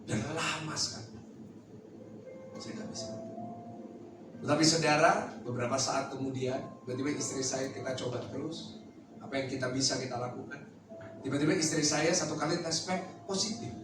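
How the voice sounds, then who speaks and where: A man in his thirties, a pastor giving a lively testimony sermon and talking straight to the congregation with jokes. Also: on the high side, a little fast. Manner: lively storytelling, addresses the listeners directly, jokes. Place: large church hall. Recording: very echoey hall, mic far off, music behind.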